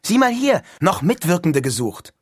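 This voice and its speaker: A man doing an eager, excitable teenage boy. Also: high voice, moderate pace, slightly rough, no echo, studio quality, voice pushed up, full character voice. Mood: excited. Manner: loud and emphatic, swept up in enthusiasm. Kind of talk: audiobook reading.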